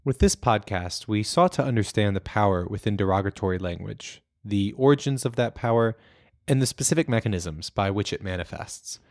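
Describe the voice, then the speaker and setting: A young man hosts a student podcast in a measured, scripted read. His voice sits on the low side. The recording is close and dry, with no room sound around it. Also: no echo. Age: young adult. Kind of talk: scripted narration.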